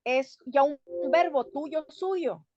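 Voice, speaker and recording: A woman's voice: high voice, slow, darkish tone. Hesitant woman student on a muffled call. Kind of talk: asking questions in an online class. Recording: dull, lo-fi call audio.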